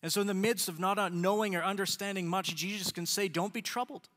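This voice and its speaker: A male pastor preaching a sermon in an earnest, emphatic manner, speeding up and slowing down for stress. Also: high-pitched, steady tone, fairly bright tone, big-room sound. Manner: earnest, emphatic, shifts between quick and slow.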